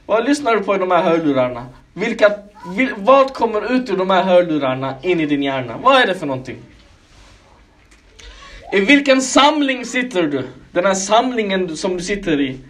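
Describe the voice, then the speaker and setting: A man's voice: sits high, very animated, fairly bright tone. A man preaching a sermon, calling his listeners brothers and sisters and pressing them with one rhetorical question after another. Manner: clears his throat now and then.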